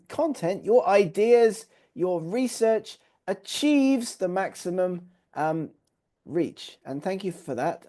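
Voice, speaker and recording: An English man hosting a live webinar through a video call mic. He speaks in an upbeat, welcoming way, with a mellow, warm tone, and keeps calling things fantastic. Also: high-pitched. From England. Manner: upbeat and welcoming, lots of praise words. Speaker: webinar host.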